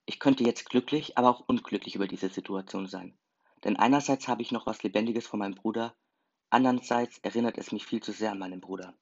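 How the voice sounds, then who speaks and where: A man's voice: lowish voice, quick pace, creaky. A man narrating a first-person story in an earnest, emotional reading. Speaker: story reader. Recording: slightly dull lo-fi recording.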